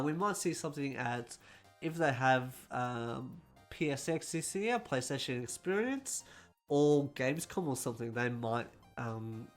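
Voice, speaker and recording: A man hosting a casual gaming news roundup, talking quickly and correcting himself as he goes. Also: mid-range voice, fairly bright tone.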